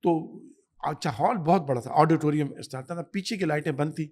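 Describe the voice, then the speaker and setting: A man's voice: a little high, darkish tone. A man, an imam and guest scholar, speaking emphatically in a podcast interview, preaching and telling stories. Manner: emphatic, storytelling, exhorting. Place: Canada.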